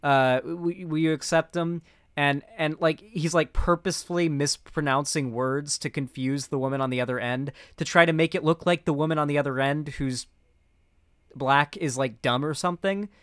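Again a twenty-something American streamer with a somewhat high voice, giving political reaction commentary in an offhand way: he stammers, mocks, gets indignant and swears a lot. His tone is clear and resonant and his intonation fairly even, captured close and dry on a boom mic in a small home streaming room.

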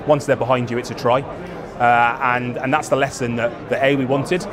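A man in his forties, a forwards coach, talks in a flat, level voice and often restarts his phrases. He speaks from an outdoor stadium stand, and a crowd murmurs clearly around him. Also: medium pitch, moderate pace. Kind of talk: post-match interview.

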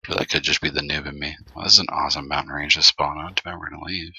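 A man chatting casually and excitably while playing a game with a friend, laughing often. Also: rumbling low, racing, vocal fry, breathy edge, no echo. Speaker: co-host of a gaming channel. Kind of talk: casual gameplay chat. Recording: noisy background.

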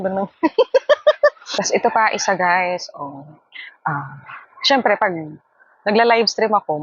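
A woman vlogging outdoors in casual chat, chatty and laughing with sudden high squeals. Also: breathy edge, dry recording, highs cut off. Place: outdoors by a hammock. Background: wind.

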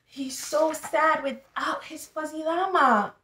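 Reading a picture book to young children, a tutor in her thirties speaks expressively and deliberately, frequently asking them questions. She has a high voice. The recording, made indoors in a small plain-walled room, sounds roomy.

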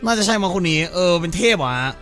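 A man's voice: high-pitched, animated, racing, music in the background. A man streaming a game, joking crudely and putting on silly voices for the characters. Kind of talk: let's-play commentary.

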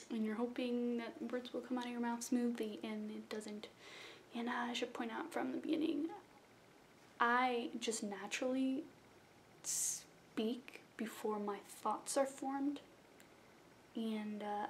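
A young South Florida woman gives a casual, rambling, self-deprecating intro vlog to a close-range webcam in her small bedroom. Her slightly high voice keeps fairly even intonation at a measured pace with long pauses. The recording is low quality, with a little hiss or hum.

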